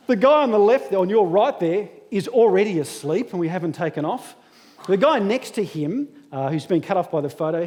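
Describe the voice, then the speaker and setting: A man in his thirties, invited to speak at a graduation, tells funny stories at his own expense to motivate the graduates. His voice is high with a darkish tone, echoing through the big hall.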